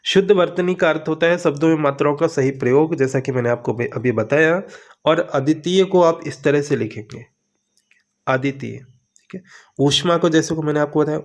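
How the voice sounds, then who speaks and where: A man with a mid-range voice teaches an exam preparation lesson. He walks through the questions using steady, repetitive coaching and checks in frequently.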